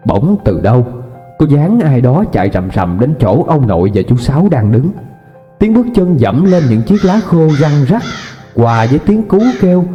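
A man's voice: mid-range voice, very animated, normal speed, mellow. A man narrating a ghost story in a dramatic, suspenseful way. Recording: dull lo-fi with faint music.

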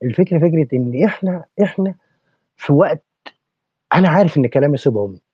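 A fast-talking Egyptian man with a husky, slightly raised voice, preaching his point in a dry, dull lo-fi recording. He fires off rhetorical questions, one after another. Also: a little high, lively intonation, no echo. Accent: Egyptian Arabic. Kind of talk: impassioned podcast discussion.

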